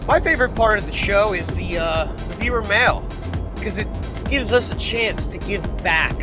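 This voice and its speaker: Man as a high-voiced sarcastic comedy sidekick. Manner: sarcastic, wisecracking. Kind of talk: comedic banter.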